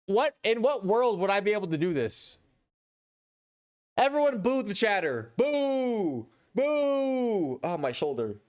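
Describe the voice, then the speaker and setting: A man streaming live, chatting casually with his chat in a rambling way and reading posts aloud. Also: on the high side.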